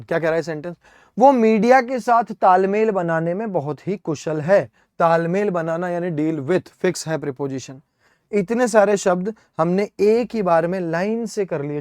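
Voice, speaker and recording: Spelling English words letter by letter for an exam, an Indian-accented man explains each step and regularly asks "है ना?" as a check-in. His voice sits high with a darkish tone, captured with clean studio sound and no room sound.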